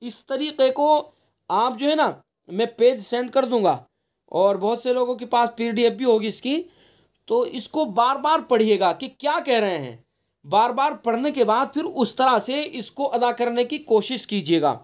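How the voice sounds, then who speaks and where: A man's voice: very high-pitched, expressive, muffled recording. A man teaching an online Quran recitation lesson, explaining patiently, repeating points and demonstrating letter sounds. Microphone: online class recording.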